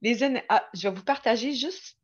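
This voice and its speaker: A woman with a Quebec French accent talking casually to her viewers about spirituality, excited and rambling with many restarts. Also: on the high side, moderate pace, breathy edge, muffled recording. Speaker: spiritual vlogger.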